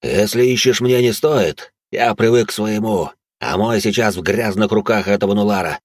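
A man's voice: fairly low pitch, moderate pace, no echo, natural voice. A man voicing a mocking, battle-hardened old man in an audiobook who sneers and barks orders. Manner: gruff, sneering, barks commands.

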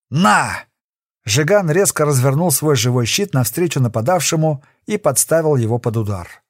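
Expressive male audiobook narrator. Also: mid-range voice, dry recording, clean studio sound. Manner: dramatic, expressive. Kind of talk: scripted narration.

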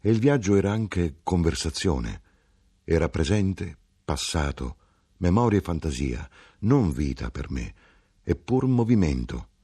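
Low husky guy reading a novel, slow and reflective, pitch wanders a lot. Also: very animated, mellow. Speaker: audiobook narrator. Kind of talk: literary audiobook reading.

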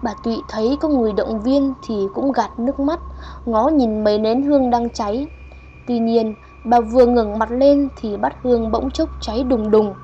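A woman narrating a folk horror story in a steady storytelling voice, in a dull lo-fi recording. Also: fairly high pitch, normal speed. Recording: dull lo-fi audio with faint hiss.

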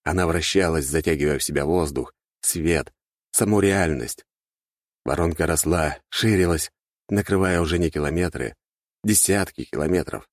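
A male narrator reads a fantasy audiobook in a very low, gravelly voice. His delivery is steady and dramatic. The recording is dry and close-miked. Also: normal speed, no room sound.

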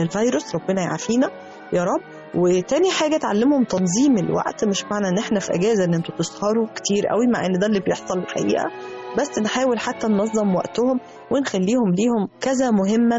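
Fast-talking Egyptian woman giving advice. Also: medium pitch, dark tone, lo-fi sound. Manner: reassuring, instructive. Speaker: sociologist guest. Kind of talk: advice talk on radio.

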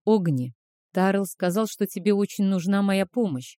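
Proud icy otherworldly man in an audiobook , read by a woman, measured, mellow dry voice. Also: medium pitch, lively intonation, dry recording, natural voice. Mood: reserved.

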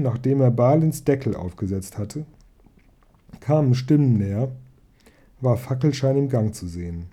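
Male audiobook reader, deep mellow tone, calm, even storytelling delivery. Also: slightly rough. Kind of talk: storybook reading.

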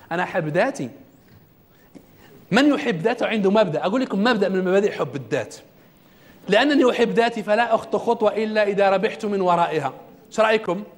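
Fast-talking male trainer. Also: high voice. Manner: asks the audience questions; religious quotations in the talk. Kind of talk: self-development lecture to a class.

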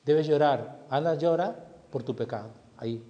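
A man preaching a sermon as pastor, impassioned, swelling loud and then dropping low. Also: normal speed, lo-fi sound. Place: church hall. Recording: long hall reverb.

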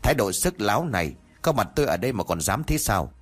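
A man voicing an older male exorcist who scolds and interrogates a ghost in quick, stern questions. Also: lowish voice, sing-song, husky.

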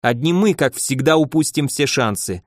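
A man's voice: mid-range voice, lively intonation, normal speed, dry recording, studio quality, close to an everyday voice. A man voicing a domineering noblewoman who scolds her husband, bossy and insistent. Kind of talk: audiobook character voice.

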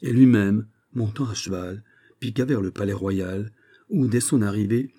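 A man reading a classic novel aloud in a measured, dramatic way, with a husky voice. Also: fairly low pitch, warm tone. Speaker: audiobook narrator.

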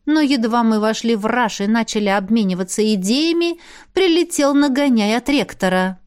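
A woman's voice: on the high side, lively intonation, normal speed, a little mellow, smooth. Woman narrating a fantasy audiobook.

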